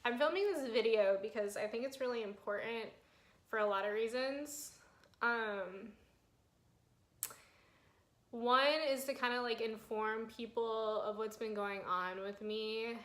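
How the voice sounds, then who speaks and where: A woman's voice: on the high side, a little slow. Young woman, 20s, candid phone vlogger, emotional and rambling, echoey room sound. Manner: flustered, fighting back tears, filler-heavy. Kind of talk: personal health vlog. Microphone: phone camera mic.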